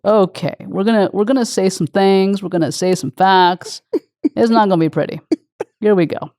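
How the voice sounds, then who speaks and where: A woman's voice: mid-range voice, moderate pace, darkish tone, no room sound, studio quality. A woman hosting an interview, effusive and openly emotional as she talks with her guest. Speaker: podcast host.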